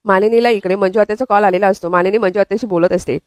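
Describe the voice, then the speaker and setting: A woman narrates a recap of a television serial, moving briskly through the story and reading quotes plainly. She talks fast in a dry, close sound. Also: medium pitch, fairly even intonation, a little mellow, no room sound.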